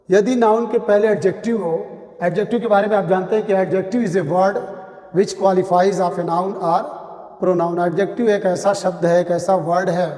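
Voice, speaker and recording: A man's voice: high voice, mellow, long reverb tail. A man giving a grammar lesson, saying each example sentence in English and then in Hindi, repeating words to drive them home. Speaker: English teacher. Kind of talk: classroom-style grammar lesson.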